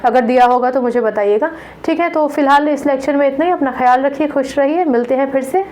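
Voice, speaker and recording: A woman whose voice sits high yet has a darkish tone teaches an online chemistry lecture, recorded at low quality with slight background noise. She patiently explains naming compounds, slowly counting carbons and often checking in.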